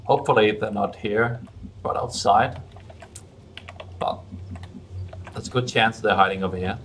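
A man in his thirties gives casual let's play commentary through a headset in a small room at home. His voice is lowish, a bit bright and a little slow, with clear background noise and keyboard typing audible.

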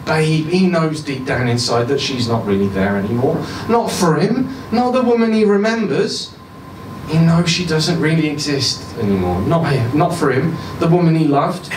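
Filmed by a faraway camera, this recording has a roomy bar sound and a faint hum. In it, a man in his thirties stands at a mic in a small indoor bar, reading a short story to listeners, raising his pitch for the woman's part and sinking into a hushed, low voice as it wraps up.

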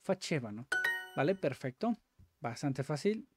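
A man's voice: on the high side, animated, unhurried, music in the background. Man talking through exercises. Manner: thinking aloud, self-correcting, frequent "vale?" and "ok". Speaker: language-learning video host. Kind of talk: casual commentary while doing language exercises.

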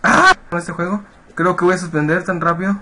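A man with a Mexican accent talks through a horror game at his home computer. His voice sits a little high, and he is jittery, cursing, and quick to yelp. A faint hiss of noise sits under his voice. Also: steady tone, sharp tone. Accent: Mexican Spanish. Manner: jittery, swearing, yelping when startled. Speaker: gaming video creator. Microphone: webcam and computer mic.

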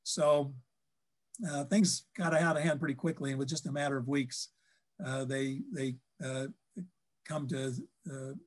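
An older man on a video call from a book-lined office, recounting history in a halting way, full of ums and restarts. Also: medium pitch. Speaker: historian guest. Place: office with bookshelves.

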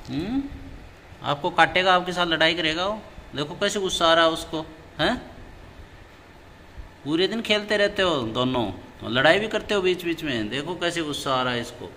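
A man's voice: fairly high pitch, lively intonation, normal speed, sharp tone, big-room sound, slight background noise. A man filming his pet parrots at home, talking to them in coaxing, sing-song baby talk. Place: inside a home.

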